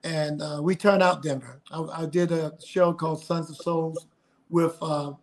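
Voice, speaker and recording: Calling in by video from indoors at home, a middle-aged South Carolina man who sings talks earnestly as a guest in a casual interview. He has a slightly high voice with a steady tone and an unhurried pace, frequently repeating words as he collects his thoughts.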